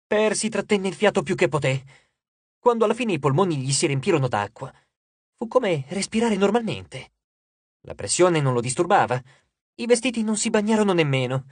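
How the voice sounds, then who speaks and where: Husky male audiobook narrator. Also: dry recording. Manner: dramatic, shifts pitch and loudness for characters. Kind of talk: expressive audiobook narration with character voices.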